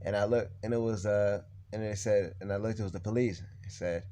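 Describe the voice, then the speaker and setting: A man's voice: lowish voice, fairly even intonation, a little fast, mellow. A young man vlogging, telling a personal story in a blunt, heated, profane rant.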